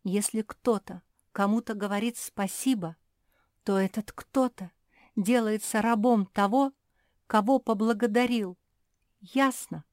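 A woman voicing a timid, tearful female liar creature who sobs and frets in a high voice. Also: measured pace, no echo, clean studio sound, close to an everyday voice. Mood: fretful. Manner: sobbing, shrill, fretful.

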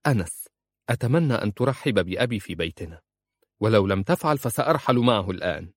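A man's voice: on the low side, animated, moderate pace, dry recording, clean studio sound. A man voicing a devoted, strong-willed young married woman, speaking in a pleading, emphatic way. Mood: firm.

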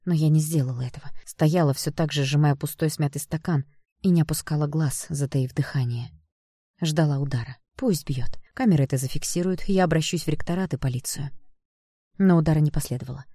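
A woman narrating a first-person audiobook in an expressive storytelling manner. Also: sits low, brisk, husky, no room sound, studio quality.

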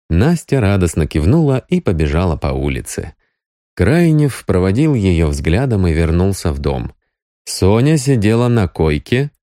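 A man narrating an audiobook with expressive storytelling. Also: low voice, no room sound, clean studio sound.

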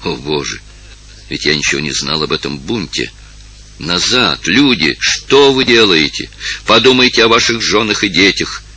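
A man's voice: a bass voice, moderate pace, vocal fry, sharp tone, husky, voice pushed down, exaggerated voice. A man reading aloud and voicing a pale old male village elder who pleads and commands with a raised voice. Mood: desperate.

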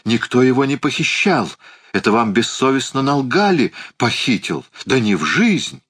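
A man's voice: medium pitch, expressive, a little slow, pitched above the performer's own voice. A man voicing a miserly, fretful old uncle in an audiobook, whining and flustered in protest. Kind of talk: audiobook character reading.

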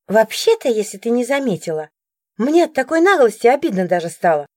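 Expressive woman narrating an audiobook. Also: a little high, brisk, no echo, studio quality. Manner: expressive, animated storytelling. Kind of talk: first-person audiobook narration.

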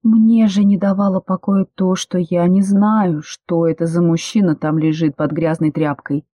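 A narrator reading a story aloud in a steady, measured way. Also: mid-range voice, dry recording, muffled recording. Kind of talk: audiobook narration.

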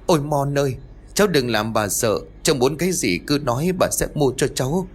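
Male narrator doing a frightened elderly grandmother in a spoken ghost story, raised pitch, pleading and panicky. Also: expressive, moderate pace, breathy edge.

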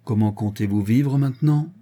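A man's voice: mid-range voice, normal speed, warm tone, natural voice. A man voicing a stern, angry elderly father who gives harsh, commanding orders and raises his voice.

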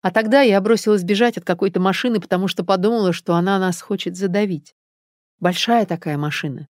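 A woman's voice: mid-range voice, a little fast, no room sound, studio quality, close to an everyday voice. A woman reading a young mother who confides her fears to her husband in a rueful, guilty way.

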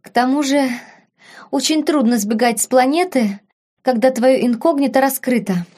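A woman's voice: high voice, normal speed, mellow. A woman voicing a poisoned young princess who wheezes and struggles for breath while pleading urgently. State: wheezing, coughing up blood.

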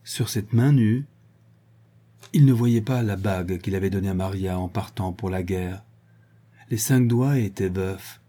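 A man reading a literary short story aloud in a measured, expressive manner. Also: medium pitch, slightly rough. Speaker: audiobook reader. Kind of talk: literary narration.

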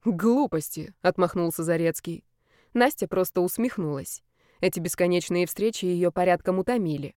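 A woman's voice: lowish voice, brisk, darkish tone, smooth, no room sound, studio quality. Woman reading an audiobook. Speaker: audiobook narrator. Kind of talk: scripted narration.

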